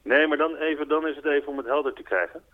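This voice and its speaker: A man's voice: on the high side, fast talker, no echo. A man interviewed by phone as a foundation's spokesperson, earnestly explaining and patiently clarifying. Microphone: telephone. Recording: tinny phone line, dry.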